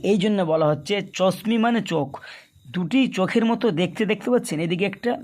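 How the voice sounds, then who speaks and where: A man's voice: high-pitched, fast, darkish tone. A man teaching Quran reading, patiently chanting letter drills and explaining each step to his viewers. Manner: addresses viewers as dear friends, asks and answers their questions.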